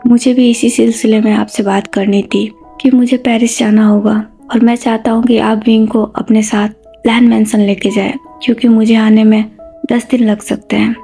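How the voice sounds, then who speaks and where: A woman's voice: fairly high pitch, little pitch movement, moderate pace, vocal fry, warm tone, breathy edge, soft background music. A woman voicing a polite adult son who explains his plans respectfully.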